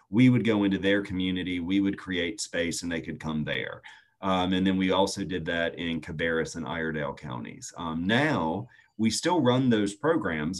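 A man, answering interview questions earnestly and at a measured pace with frequent "um" fillers. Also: low-pitched. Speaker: youth nonprofit staff guest.

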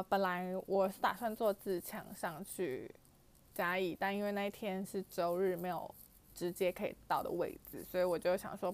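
Her voice is medium-pitched and a little mellow: a young vlogger with a Taiwanese Mandarin accent animatedly retelling a personal story to camera, with frequent fillers and exclamations.

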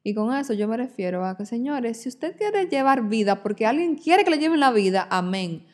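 A woman's voice: fairly high pitch, brisk. A woman co-hosting a podcast, chatting casually and acting out voices when she tells a story. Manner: animated storyteller, acts out quoted voices. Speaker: podcast co-host. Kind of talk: casual chat.

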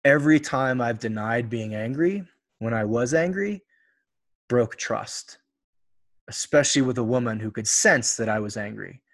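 A man hosting a solo podcast, speaking in an ordinary mid-pitched voice. He talks bluntly and casually, swearing freely as he tells personal stories. The sound is dry and close, with no room echo. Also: lively intonation, a little slow. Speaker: podcast host.

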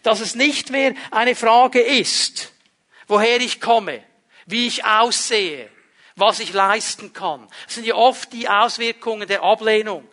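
A male pastor delivering a sermon with a high-pitched voice. His tone is bright and forceful. He preaches emphatically, then drops to hushed, intense stretches. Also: takes it slowly. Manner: emphatic preaching, dropping to quiet intense moments.

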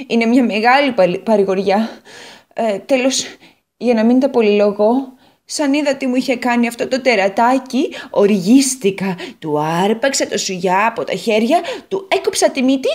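A woman voicing a vain, chatty, naive female potato in a children's storybook read on the radio, talking in a gushing, excitable way. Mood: indignant. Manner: gushing and excitable, high and lively.

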